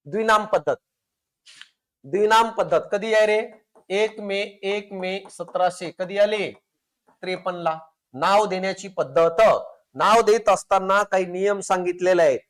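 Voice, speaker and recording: A man teaches a class in a fairly high voice. He fires rhetorical questions at his students and stretches out each technical term, repeating it slowly. He lightens the lesson with joking everyday examples. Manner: slows down and repeats technical terms syllable by syllable; casual, joking street examples. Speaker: science teacher for competitive exams. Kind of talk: classroom lecture.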